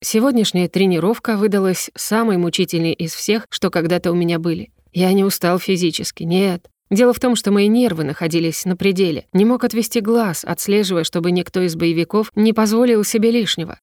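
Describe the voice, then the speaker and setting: A woman narrating a first-person story in a lively, ironic storytelling manner, read close to the mic. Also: mid-range voice, brisk, few pauses, dry recording. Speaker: audiobook reader.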